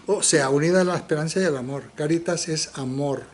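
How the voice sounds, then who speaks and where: Against a noisy background, an older man speaks a little high and a little fast, leading an informal philosophy seminar in a community center lecture room. Rhetorical questions to the audience and frequent tag questions run through his talk.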